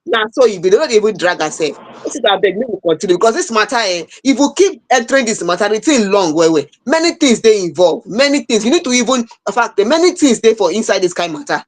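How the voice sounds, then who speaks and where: A woman's voice: medium pitch, big pitch swings, quick pace, few pauses. A woman with a Nigerian accent co-hosting an entertainment talk show, chatting casually in Nigerian Pidgin mixed with English. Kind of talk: casual chat.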